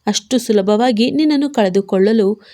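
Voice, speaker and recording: Woman voicing Rush, a gruff teasing husband. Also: a little high, moderate pace, mellow, natural voice. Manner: mocking, scolding banter.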